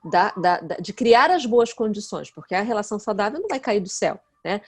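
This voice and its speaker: A woman, a guest expert who explains her ideas earnestly in relaxed conversation and often checks in with her listener. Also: medium pitch, brisk, husky. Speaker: guest expert in nonviolent communication.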